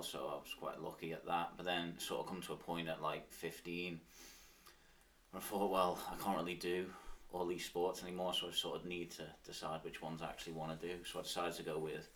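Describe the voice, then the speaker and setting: Deep-voiced man with a strong Manx accent. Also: a bit bright, far from the mic. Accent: strong Manx (Isle of Man). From Isle of Man. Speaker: podcast guest, cyclist. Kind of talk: casual interview chat. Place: podcast studio.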